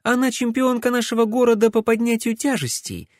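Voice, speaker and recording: A man's voice: very high-pitched, a little fast, no echo, studio quality, pitched above the performer's own voice. Man voicing a gushing, eager young woman. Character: cheerful enthusiastic young woman.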